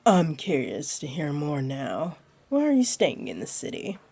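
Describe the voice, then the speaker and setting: A woman voices a female jaguar beastling who is both flirty and comforting, her deep, mellow voice teasing and soothing by turns. The heavily acted delivery is a little slow, creaky and breathy, with huge pitch swings and a flirty, tender mood.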